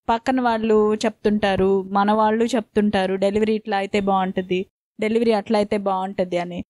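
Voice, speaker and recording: A woman's voice: mid-range voice, a little mellow, no room sound. A woman interviewing a patient with leading questions.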